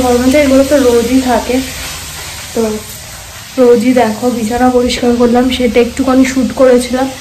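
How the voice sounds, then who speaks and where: A woman's voice: fairly high pitch, darkish tone. A woman with a Bengali accent, chatting casually in a daily vlog while doing chores. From India. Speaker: vlogger. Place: home in hot weather. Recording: echoey home room with clear background noise.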